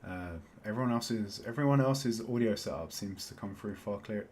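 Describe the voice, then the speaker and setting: Playing Minecraft for his let's-play, a South London man talks casually in a fairly low, slightly mellow voice at a moderate pace. His chat wanders, and he frequently breaks into laughter.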